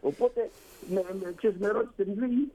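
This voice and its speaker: A man's voice: high-pitched, mellow, low-quality recording. A man from Greece chatting casually, telling stories and acting out quoted dialogue. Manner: storytelling, acts out quoted dialogue. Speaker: guest, Greek living in Canada. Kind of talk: casual chat.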